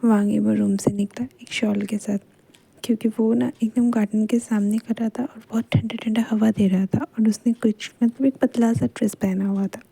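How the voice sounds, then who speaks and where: A woman casually retelling a fan fiction story in a soft, half-whispered way, with chatty fillers. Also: fairly high pitch, flat delivery, moderate pace, creaky, breathy edge.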